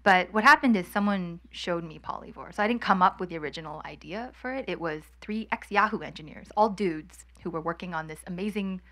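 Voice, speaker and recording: Bright-voiced woman in a candid chat. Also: lowish voice. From Hong Kong. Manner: candid, quick laughs, chatty. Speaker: guest investor. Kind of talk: fireside chat on stage. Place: outdoor courtyard event. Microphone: handheld mic.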